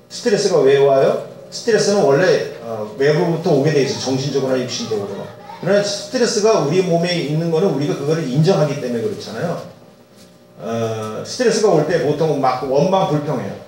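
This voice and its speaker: A male pastor preaching a sermon, animated and full of rhetorical questions. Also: medium pitch, normal speed, vocal fry. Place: church sanctuary. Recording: echoey church hall, distant mic.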